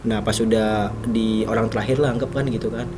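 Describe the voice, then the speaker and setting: A man's voice: on the low side, steady tone, a little fast, noisy background. A man telling a ghost story in casual chat, rambling with many restarts. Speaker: podcast co-host telling a story.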